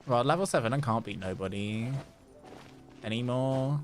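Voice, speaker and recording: A man of medium pitch and moderate pace livestreams a game over its background music. He keeps up casual, playful chatter, says some phrases again and again, and reads in-game dialogue now and then.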